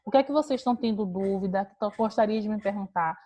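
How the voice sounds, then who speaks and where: A woman's voice: mid-range voice, fast talker, mellow. A woman teacher giving an online class on a video call, explaining step by step with patient rhetorical questions.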